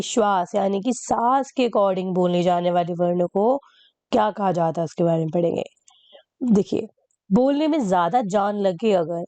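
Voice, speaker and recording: A woman's voice: mid-range voice, mellow, dry recording. A woman teacher patiently explaining a lesson, repeating key points and asking rhetorical questions.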